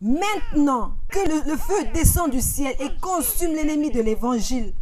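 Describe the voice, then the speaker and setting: A woman giving the voice-over for a fiery sermon, speaking with slow emphasis and rising into shouted calls to the congregation. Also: high voice, lively intonation. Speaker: preacher voice-over.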